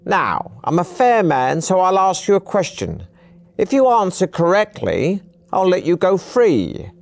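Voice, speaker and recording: Man doing a high-pitched giggling old riddler, gleeful, dry studio sound. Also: huge pitch swings, a little slow, gravelly, dry recording, full character voice. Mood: gleeful, teasing.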